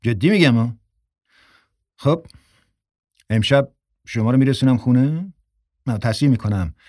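A man's voice: medium pitch, lively intonation, a little mellow, dry recording, clean studio sound, close to an everyday voice. A man voicing a joking young stage actor with a teasing, wisecracking manner. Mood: mock-serious.

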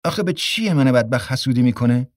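A man's voice: medium pitch, animated, no room sound, studio quality, natural voice. A man reading an audiobook, playing an exasperated, sarcastic man who grumbles and exclaims.

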